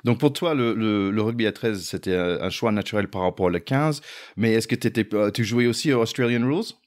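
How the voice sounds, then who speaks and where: Host guy, lowish voice, upbeat and chatty. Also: expressive, a little fast. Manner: friendly, enthusiastic questioner. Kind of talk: casual interview.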